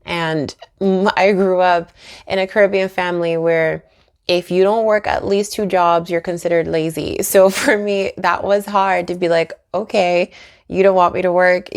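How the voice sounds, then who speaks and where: In a faith-based vlog, a woman from Trinidad and Tobago, who is a YouTuber and author, speaks to the camera earnestly and encouragingly, often letting out small laughs. Her lowish voice is clear and resonant.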